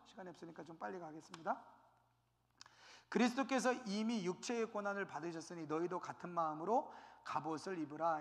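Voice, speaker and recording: A man's voice: sits high, fairly bright tone, big-room sound. A man preaching a sermon as pastor, asking his congregation questions and acting out the voices of people he quotes.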